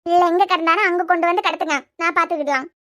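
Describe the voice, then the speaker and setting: A woman voicing a stubborn young wife and mother in a cartoon serial, with a Kanyakumari Tamil accent, talking back in a low, muttering way. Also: fairly even intonation, racing, a bit bright, no room sound, studio quality. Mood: sullen.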